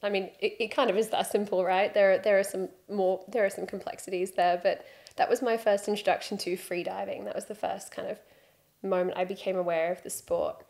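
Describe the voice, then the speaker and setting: A British woman in her thirties speaks briskly in a medium-pitched, creaky, darkish voice with a flat delivery. As a podcast guest and freediving instructor, she tells her story with self-mocking humor in a relaxed interview, seated on a studio sofa against a plain wall, wearing headphones close to a desk microphone.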